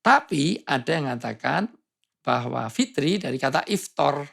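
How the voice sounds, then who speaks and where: A male preacher chatting on a talk show with a gravelly, husky voice pitched a bit high. He jokes and plays with sounds as he makes his points. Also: lively intonation, normal speed, fairly bright tone. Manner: joking, playful, imitates sounds. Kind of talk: humorous preaching in conversation.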